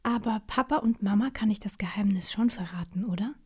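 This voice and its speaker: A woman's voice: medium pitch, brisk, darkish tone, husky. A woman voicing an eager, curious little boy in a bedtime storybook. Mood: sleepy.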